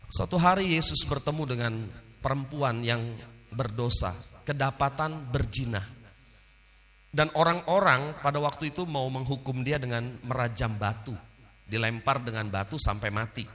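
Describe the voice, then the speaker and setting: A male pastor preaching a sermon into a microphone, animated and constantly addressing the congregation directly. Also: medium pitch, normal speed. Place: church hall. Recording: long reverb in a church hall.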